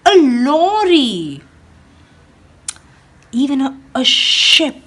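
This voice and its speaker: With a voice that sits high, a teacher shares a picture book with kids, reading slowly and expressively. She addresses her young audience directly.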